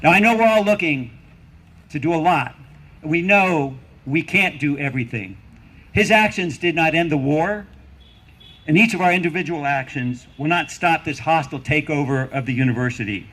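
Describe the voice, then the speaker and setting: A middle-aged or older man giving a rally speech as a professor, emphatic and deliberate, building on repeated phrases and rhetorical questions. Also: on the high side, a bit bright. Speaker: university professor speaking at a rally.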